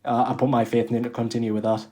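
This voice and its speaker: A man's voice: medium pitch, level tone, racing, warm tone. A man giving casual, conversational football opinions as a podcast panellist. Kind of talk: casual football fan chat.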